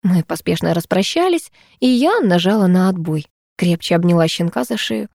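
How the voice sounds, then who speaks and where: A woman narrating an audiobook in first person, expressive and lively. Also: lowish voice, normal speed, vocal fry, no echo, studio quality. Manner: expressive, lively dialogue reading.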